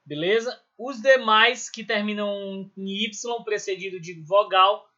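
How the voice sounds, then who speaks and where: A man's voice: sits high, steady tone, slow, sharp tone, lo-fi sound. A man with a Brazilian Portuguese accent teaching an English grammar lesson step by step, often checking in with his students. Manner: explains step by step, checking in with "certo?" and "beleza?". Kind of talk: recorded school lesson.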